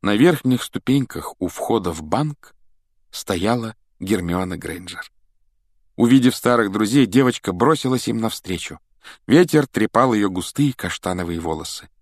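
A man narrating an audiobook in an expressive, animated reading style. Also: on the low side, moderate pace, dry recording, clean studio sound. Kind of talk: scripted storybook narration.

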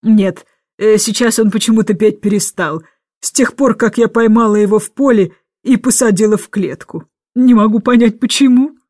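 Woman narrator voicing a stern old governess, loud and bossy, low for her. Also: dry recording, studio quality, lightly acted. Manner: booming, indignant, slow emphatic shouting.

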